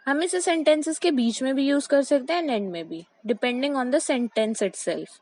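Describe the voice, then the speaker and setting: A young woman teaching English pronunciation in a mix of Hindi and English, repeating each word and reading example sentences slowly and deliberately. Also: high voice, a little mellow, low-quality recording. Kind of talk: explanatory lesson mixing Hindi and English.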